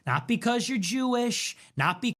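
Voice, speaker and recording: A man's voice: very high voice, sing-song, measured pace. A man in an angry, profane political rant, hurling insults. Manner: furious, profane, shouting insults.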